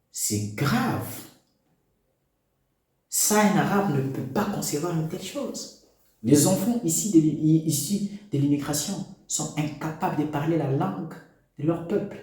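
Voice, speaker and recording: Addressing parents straight to camera, this Congolese commentator preaches and exhorts, piling up rhetorical questions in his opinion piece. His fairly high, dark voice has lively intonation, runs a little slow, and pauses often; he speaks a Congolese national language natively, and the room echoes.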